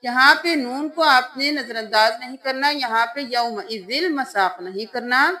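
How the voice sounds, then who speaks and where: High-voiced woman teaching Quran reading. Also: bright, forceful tone. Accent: Pakistani Urdu. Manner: patient step-by-step explaining, then slow drawn-out chanting of verses. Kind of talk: spelling-out recitation lesson.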